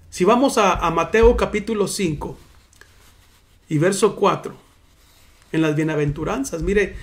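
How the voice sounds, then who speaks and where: A man preaching a sermon in church as pastor, earnest and personal, often calling his listeners brothers. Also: sits high.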